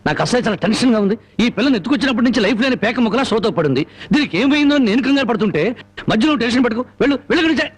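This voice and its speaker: A fiery, mocking avenger. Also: male voice, very high-pitched, expressive, rapid-fire, a little hiss or hum. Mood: irritated. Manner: fiery declamatory speeches, mocking. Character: righteous angry avenger man, fierce and unpredictable. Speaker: hero. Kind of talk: Telugu film drama. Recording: film soundtrack with music.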